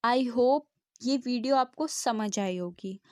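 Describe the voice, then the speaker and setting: A woman's voice: a little high, slow, a little mellow, no room sound, clean studio sound. A woman teaching shorthand in a tutorial lesson, explaining patiently and checking often that students follow.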